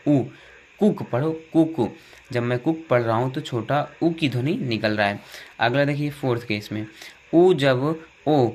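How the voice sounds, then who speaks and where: A young man with a Hindi accent teaches English vowel sounds in a drilling, repetitive way. He asks a question and answers it himself in the same breath. His voice sits at an ordinary middle pitch for a man.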